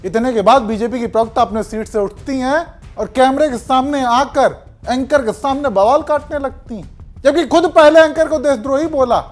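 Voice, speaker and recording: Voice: high-pitched, normal speed. A news voice-over narrator recapping a debate clip, with pointed, sarcastic asides.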